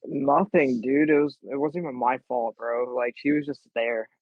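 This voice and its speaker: A man's voice: medium pitch, steady tone, moderate pace, no room sound. Profane young man on a tinny line. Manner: crude, profane, rambling storyteller. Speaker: podcast co-host. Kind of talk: casual podcast chat.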